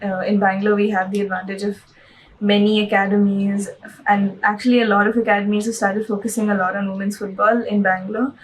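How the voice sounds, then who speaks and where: A woman from India speaks at a middling pitch, answering interview questions as a football player. She talks in a chatty, searching way, with plenty of "like"s. Faint ambient noise sits underneath. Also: little pitch movement, a little fast, low-quality recording. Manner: chatty and searching for words, with many "like"s.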